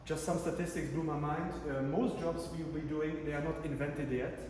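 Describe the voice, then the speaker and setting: A Czech man giving a conference talk about his PhD research has a slightly high, somewhat mellow voice, a steady tone, and normal speed. He speaks conversationally with plenty of fillers and restarts. Room noise and echo fill the far-off recording from a large conference room.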